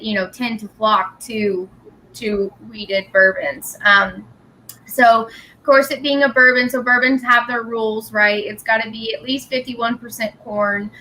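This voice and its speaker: Bright, high-voiced woman explaining casually. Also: fairly even intonation, slow pace, low-quality recording. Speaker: distillery representative. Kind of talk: casual explanatory tasting talk. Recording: clear background noise.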